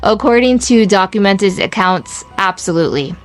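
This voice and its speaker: A young woman co-hosting a casual podcast, reading a ghost tale with giggles and slow spooky emphasis. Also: medium pitch, expressive, soft background music. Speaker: podcast co-host.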